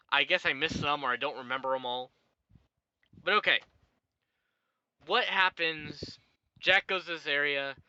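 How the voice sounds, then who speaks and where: A man's voice: on the high side, pushed and bright, clean tone, no echo, lo-fi sound. A man casually recapping a cartoon episode for his show, rambling and chatty. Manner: rambling, chatty, laughs at his own jokes. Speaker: YouTube show reviewer.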